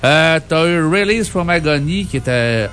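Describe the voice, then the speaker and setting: A man's voice: a little high, animated, moderate pace, a bit bright. A man with a Quebec French accent co-hosting a music show, reviewing albums casually with an informal, wry, joking manner.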